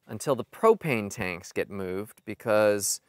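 A man in his forties explains a basement project in a relaxed vlog, thinking aloud with frequent ums and restarts, recorded in a cluttered basement. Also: fairly low pitch, slow, smooth, no room sound, studio quality. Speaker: home improvement vlogger. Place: cluttered basement storage area.

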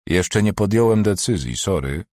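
A man voicing a wry, self-mocking male police detective in an audiobook, close to his own deep, husky voice. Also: lively intonation, normal speed, darkish tone, no room sound. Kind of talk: audiobook character voice.

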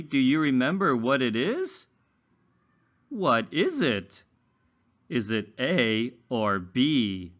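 In this muffled recording, a male English teacher leads a read-along lesson for young learners. His voice sits on the high side with a fairly bright tone, and he enunciates carefully with exaggerated, instructional intonation.

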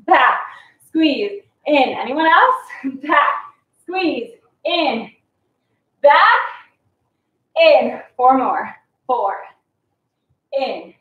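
A young woman leads a workout as an aerobics instructor, counting and cueing in short, encouraging phrases. Her voice is very high. It comes from a distance in a small, echoey basement room, with slightly dull sound. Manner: clipped, encouraging counting cues while exercising. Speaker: fitness instructor. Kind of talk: aerobics instructor calling out reps and cues. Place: small concrete-walled basement home gym. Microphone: far camera across the room.

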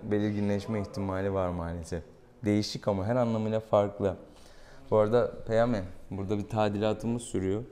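In a small exam room, a male vet jokes around with a pet patient, teasing it fondly and chatting with viewers for a clinic video. He speaks in a fairly low, mellow voice, with clear room noise in the background.

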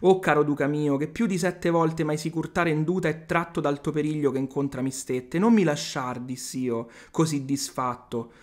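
A man's voice: fairly high pitch, steady tone, normal speed, few pauses. A man with an Italian accent giving a video lesson, reading old verses aloud and paraphrasing them plainly. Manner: reads verses then explains them plainly. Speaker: literature teacher.

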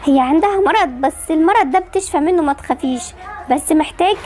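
A businesslike female doctor, played by a woman with an Egyptian Arabic accent, calm and formal. Her voice is pitched lower and quieter than the other figures, though still on the high side, and brisk. She belongs to a homemade game story video. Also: lightly acted.

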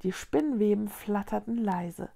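A woman reading a children's storybook aloud in a lively, expressive way. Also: medium pitch, unhurried, gravelly. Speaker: storybook reader.

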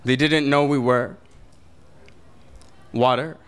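A young man with a smooth, steady, mid-range voice delivers slam poetry in a small room with brick walls. His spoken word performance begins slow and deliberate, then rises into intense declamation.

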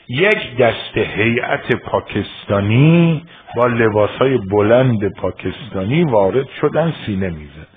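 A man from Iran preaching a religious sermon and telling a story, moving between quiet narration and fervent outbursts. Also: fairly low pitch, a little hiss or hum. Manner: emotive, swings from quiet to crying out. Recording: tinny phone-like sound.

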